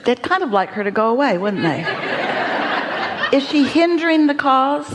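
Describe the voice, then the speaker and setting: A woman's voice: sits high, big pitch swings, normal speed, crowd noise, noisy background. A woman teaching a seminar audience, speaking as "we" and posing emphatic rhetorical questions. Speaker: inspirational speaker.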